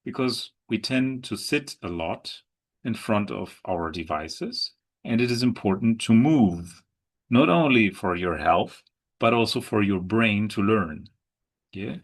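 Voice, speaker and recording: A man teaching German pronunciation, speaking slowly and deliberately and repeating each word several times. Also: fairly low pitch, expressive. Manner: slow, deliberate, repeats words with gestures. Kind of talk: language lesson.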